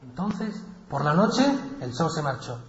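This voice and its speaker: A man from Spain who gives a religious lecture as a dramatic, animated story and laughs between phrases. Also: on the high side, a little slow. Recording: echoey, dull lecture recording.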